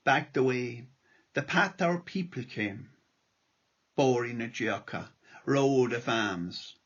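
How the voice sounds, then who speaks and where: An Irish man reads like a lilting storyteller, with a pitch that rises and falls freely. His voice is husky and rough-edged. He delivers a prepared piece in a slightly dull, lo-fi recording. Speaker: local history speaker. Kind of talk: prepared talk read aloud, with quotations and poetry.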